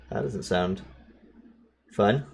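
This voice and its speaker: A man's voice: on the low side, drawn-out words, gravelly, darkish tone. A man streaming a truck driving game, chatting casually and teasing his co-player, sometimes breaking into silly sing-song noises. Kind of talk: casual gameplay chat with a co-player.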